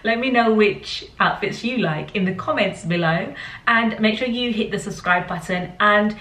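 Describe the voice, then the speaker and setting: A young woman with a Yorkshire accent talks casually about her clothing purchases, chatty and easygoing. Her voice sits at an ordinary pitch and is picked up from a step back in a roomy home space. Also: moderate pace, a bit bright. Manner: chatty, with light laughs and small restarts. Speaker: fashion vlogger. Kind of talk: casual try-on haul talk. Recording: roomy, slightly distant home recording.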